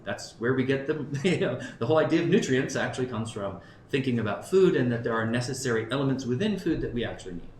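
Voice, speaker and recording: Man presenting in an echoey room. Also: medium pitch. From Southern California. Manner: conversational, checks in with the audience, thinks aloud. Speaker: conference presenter. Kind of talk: conference presentation to a live audience. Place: conference room. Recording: roomy live talk recording with faint background noise.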